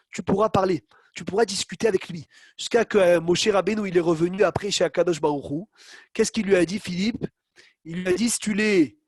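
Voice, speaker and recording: A man with a high voice teaches a Torah class on a video call, animated, acting out quotes and calling on students by name. The sound is very dry and close. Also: no room sound. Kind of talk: online Torah lesson.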